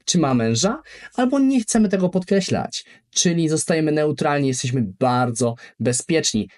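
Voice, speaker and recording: Slow, animated male language teacher. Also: a little high. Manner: repeats each word slowly for practice, very lively intonation. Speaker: English teacher. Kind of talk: beginner language lesson.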